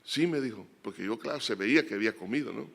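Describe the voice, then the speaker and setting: Guy pastor preaching, bright forceful voice, gets loud and emphatic then drops down quiet and prayerful. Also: fairly low pitch, expressive, quick pace, creaky. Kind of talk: sermon.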